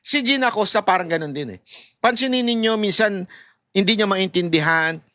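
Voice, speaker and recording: A middle-aged man from Manila with a loud voice, giving casual, animated political commentary as a vlogger. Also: sits high, brisk, no echo. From Manila, Philippines. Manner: animated and chatty, laughs at his own asides.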